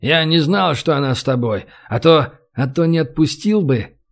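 A man's voice: on the high side, lively intonation, normal speed. A man voicing a cornered gang boss who is tense and scared, pleading and lashing out. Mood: wary.

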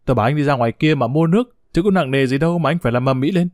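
A man's voice: a little high, dry recording, clean studio sound, close to an everyday voice. Man doing a cold, curt woman doctor. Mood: irritated. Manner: sharp, rapid scolding.

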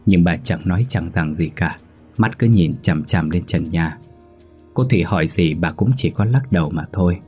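A man narrating a horror story in a steady, even storytelling manner. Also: low voice, moderate pace, husky, faint music behind.

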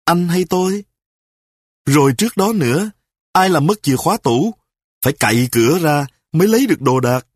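A man voicing a fretful young wife who starts out defensive and turns sharp-tongued in a spoken story, with a husky voice. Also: a little high, animated, dry recording, studio quality, voice pushed up. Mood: indignant. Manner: pleading, then snapping back in quick retorts.

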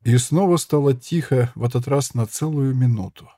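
A man narrating an audiobook in a measured, hushed storytelling manner. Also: mid-range voice, dry recording, studio quality. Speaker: audiobook reader.

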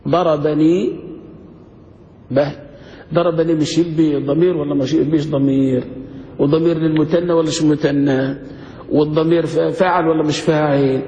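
A man teaching a grammar class, his voice a little high. He keeps asking the students questions and draws the examples out slowly. The recording is dull and lo-fi, with a long reverb trailing each phrase. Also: steady tone, mellow. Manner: asks students questions, slows to spell out examples. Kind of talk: classroom lesson.

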